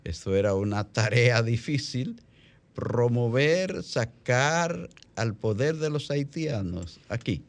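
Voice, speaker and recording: Hosting a radio talk show off the cuff, this man speaks with a Dominican Caribbean Spanish accent, halting and repeating phrases as he explains. His mid-range voice is gravelly, with lively intonation.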